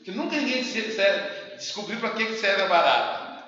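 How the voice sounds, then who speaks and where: A man giving a lecture and telling anecdotes in a lively way, acting out the people he quotes. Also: high voice, normal speed. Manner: lively storyteller, acts out quotes. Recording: echoey hall, distant muffled mic.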